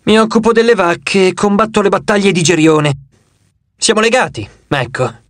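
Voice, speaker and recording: A man voicing a weary immortal cowherd who speaks in a low, tired drawl, in an audiobook. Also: moderate pace, fairly bright tone, dry recording.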